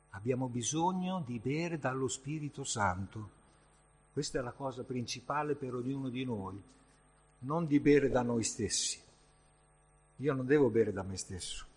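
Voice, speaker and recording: Slow, husky male preacher in a reverberant hall. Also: mid-range voice. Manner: slow, emphatic delivery with sudden surges in loudness. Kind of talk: sermon.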